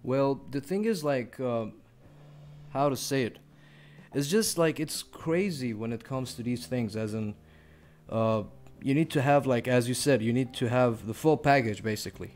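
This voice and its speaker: A man hosting a podcast in casual interview chat, hesitant and halting, stammering through his questions and apologizing for it. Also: medium pitch, a little mellow. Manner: hesitant, halting, many fillers and restarts, apologetic. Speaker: podcast host.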